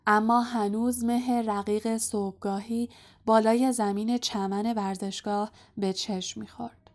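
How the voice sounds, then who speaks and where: A woman narrates a storybook in a soft, quiet delivery with a slightly high voice. Her pace stays calm and even. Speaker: audiobook narrator.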